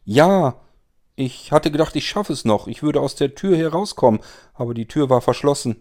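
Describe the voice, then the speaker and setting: A man's voice: on the high side, expressive, normal speed, darkish tone, voice pushed up. A man voicing a frightened young woman in a read-aloud story, telling her account in an insistent, breathless way. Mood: agitated.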